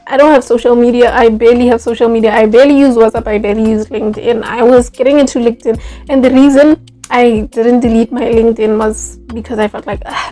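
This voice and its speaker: A young woman, telling a personal story in a casual, animated vlog, full of fillers like "like" and "yo". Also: a little high. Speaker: vlogger.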